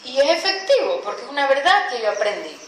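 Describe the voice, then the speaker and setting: A woman pastor preaching a sermon in a lively, repetitive way, asking her listeners questions. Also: high voice, quick pace. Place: large echoey church hall. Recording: very echoey hall with faint background noise.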